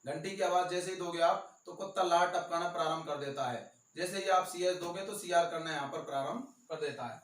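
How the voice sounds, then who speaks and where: A man's voice: a little high, recorded from a distance. Man teaching in an echoey room. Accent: Rajasthani. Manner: repetitive, stressing key terms slowly. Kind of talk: exam-prep lecture.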